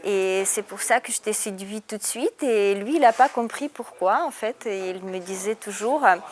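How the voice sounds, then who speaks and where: A woman's voice: mid-range voice, normal speed. Hesitant woman speaking French, raised in Russia. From Ukraine and Russia. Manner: hesitant, many fillers and restarts. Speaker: interviewee. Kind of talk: casual interview.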